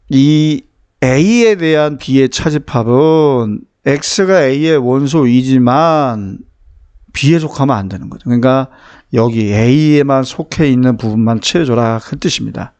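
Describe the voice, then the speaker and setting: A man's voice: medium pitch, takes it slowly, a little mellow, clean tone. A man teaching a math lesson, explaining step by step and often checking that his students follow. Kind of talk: classroom math lecture.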